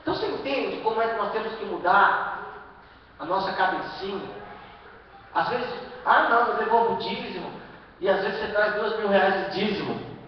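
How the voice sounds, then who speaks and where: A man preaching a sermon as pastor, with a Brazilian Portuguese accent, emphatic, full of rhetorical questions and sudden loud bursts. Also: sits high, lively intonation, normal speed, pauses often, muffled recording. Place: church hall. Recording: echoey live-stream from far off in a hall.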